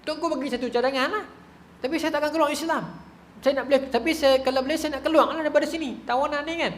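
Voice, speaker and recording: A fearless captive of old, witty and unshakable, answering a king without fear, as a preacher voices him. His speech is plain and steady, in an echoey room with faint noise. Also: very high-pitched, fast talker, pitched above the performer's own voice. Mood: bargaining.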